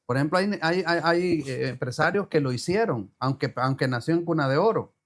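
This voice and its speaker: A guest entrepreneur is interviewed in a casual chat with preacherly flourishes, speaking earnestly, repeating phrases and quoting the Bible. His voice is fairly high-pitched, expressive and fairly quick.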